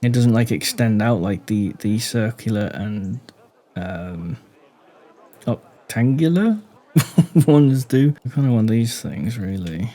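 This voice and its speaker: Speaking low and quiet on purpose, yet animated, a man who makes gaming YouTube videos talks casually through a game build. He thinks out loud and asks the viewer questions along the way.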